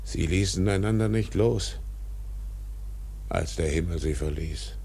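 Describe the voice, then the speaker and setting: An actor in a radio drama playing an obsessed, tyrannical older whaling captain, declaiming grandly in a gravelly, husky voice. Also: male voice, low voice, a little slow, mellow, full character voice. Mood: brooding, solemn. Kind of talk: literary radio drama acting.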